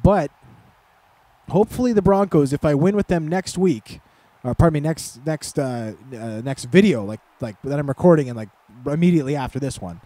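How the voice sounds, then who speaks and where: Gaming commentator, male, slightly high mellow voice, dry close desk mic, rambling and sarcastic. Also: animated, normal speed, no room sound. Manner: rambling, self-deprecating, sarcastic asides. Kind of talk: casual game commentary. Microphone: desk microphone.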